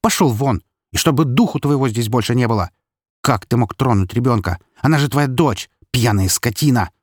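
A desperate, defiant mother, as a male narrator voices her in a storybook reading, raised above his own low voice and slightly gravelly. Her words come short and sharp. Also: expressive, quick pace, no room sound, clean studio sound. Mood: furious. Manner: pleading, then sharp and scolding. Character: frightened, defiant mother, adult woman. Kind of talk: audiobook character voice.

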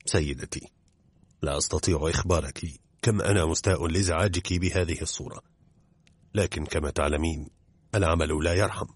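A courteous, shrewd detective who coaxes people gently, as a man voices him. The voice is deep and husky, recorded very dry for an audiobook drama. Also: a little fast, dry recording. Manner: courteous, coaxing. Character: polite, shrewd male detective.

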